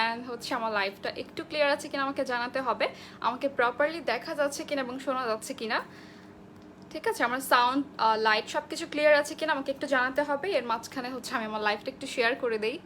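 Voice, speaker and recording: Woman from Bangladesh, high bright voice, live makeup tutorial, friendly chatter with viewers, faint hiss behind. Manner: chatty, greets viewers by name, mixes in English phrases. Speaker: makeup artist hosting a live sale.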